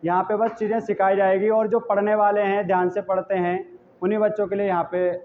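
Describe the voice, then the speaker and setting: A male coaching teacher with a high, light voice lectures a class, addressing and teasing his students directly. The sound is thin and phone-like, with faint hiss in the room behind him. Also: flat delivery, fast talker. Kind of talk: classroom English grammar lesson. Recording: tinny phone-like classroom recording with faint noise.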